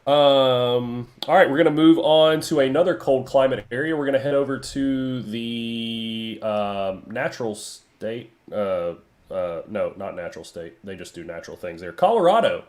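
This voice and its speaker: A man's voice: mid-range voice, moderate pace, a little mellow. A man hosting a trivia game on a podcast in a joking, rambling way, stopping to hunt for words. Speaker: trivia quiz host, guest. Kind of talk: casual podcast quiz.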